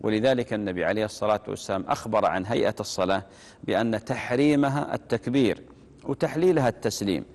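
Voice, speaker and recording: A man giving religious instruction on prayer, repeating key phrases and demonstrating them slowly. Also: fairly low pitch, a little mellow. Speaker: religious teacher. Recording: long reverb.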